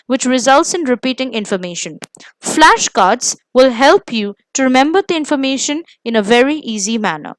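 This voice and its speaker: A high-voiced woman with an Indian accent presents an interview coaching lesson, delivering scripted tips in a measured, emphatic coach's manner. The sound is dry, close and a bit bright, with very little room in it and a rough quality.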